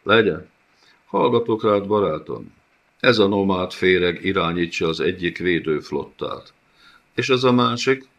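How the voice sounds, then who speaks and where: A sneering, scornful fat warlord , put on by a male audiobook reader, with a raspy, throaty voice pushed higher and louder than the narration. He mocks everyone before him. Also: lively intonation, exaggerated voice. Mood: mocking.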